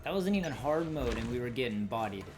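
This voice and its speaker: A man's voice: mid-range voice, expressive, quick pace, over music. A man doing casual video game commentary, talking through his plans and reading on-screen dialogue aloud.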